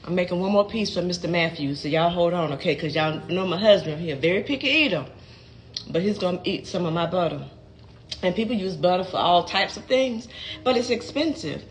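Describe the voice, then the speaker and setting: Middle-aged woman, folksy home-cooking vlogger, lower register. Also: animated, brisk. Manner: chatty, folksy, calls viewers baby and child. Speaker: home cook and gardening creator. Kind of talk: casual how-to vlog. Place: home kitchen.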